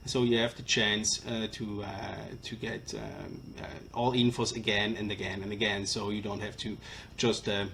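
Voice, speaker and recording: A man presents a product informally on a live stream in a broad Swiss German accent. His delivery is halting and hesitant, at a medium pitch. Clear noise sits behind his voice. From Switzerland. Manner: halting and hesitant, apologetic non-native English speaker.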